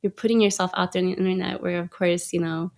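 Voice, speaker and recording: Gravelly-voiced woman guest, reflective. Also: fairly low pitch, steady tone, quick pace, a little mellow. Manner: reflective, hesitant with restarts. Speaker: photographer guest. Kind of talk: conversational interview.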